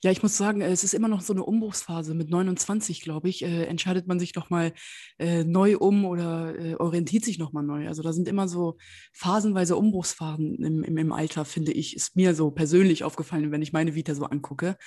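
A woman's voice: lowish voice, fairly even intonation, brisk, no room sound, clean studio sound. A woman hosting a podcast interview, enthusiastic and chatty with many hesitations. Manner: warm, enthusiastic, many fillers. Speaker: podcast host.

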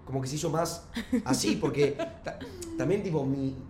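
A young man with an Argentine accent, co-hosting a casual radio chat, slangy and animated. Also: on the high side, normal speed, echoey room, a little hiss or hum. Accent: Argentine Rioplatense Spanish. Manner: animated, slangy, laughs while telling stories. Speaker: radio co-host. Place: radio studio.

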